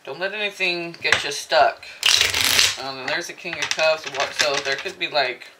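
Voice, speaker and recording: A woman's voice: low voice, normal speed, heavy background noise. A woman chatting her way casually through a tarot reading in a rambling, playful manner, often slipping into exaggerated asides. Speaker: tarot reader.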